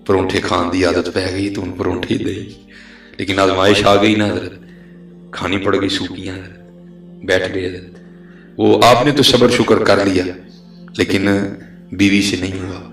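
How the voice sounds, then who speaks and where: A man preaching a sermon and telling a story dramatically, swinging between loud declaiming and hushed tones. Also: low-pitched, flat delivery, vocal fry, pauses often. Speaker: religious preacher. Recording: roomy echo, faint music.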